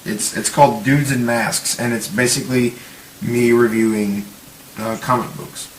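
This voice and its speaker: A man's voice: medium pitch, fairly even intonation, measured pace. A young man, a guest on a podcast, rambling animatedly with lots of fillers. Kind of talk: casual chat. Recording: echoey room, faint hiss.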